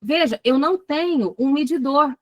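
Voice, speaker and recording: A woman's voice: sits high, normal speed, no room sound. A woman with a Brazilian Portuguese accent giving an online psychoanalysis lecture, speaking animatedly and turning to her students with frequent asides. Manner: animated, talks to students directly with many asides. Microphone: video call.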